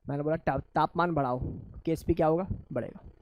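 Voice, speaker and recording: A man teaching a chemistry lesson, asking his students questions and answering them himself in a lower voice, calling them children. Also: steady tone, fairly quick, a little hiss or hum. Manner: addresses students affectionately as children. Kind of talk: classroom lecture.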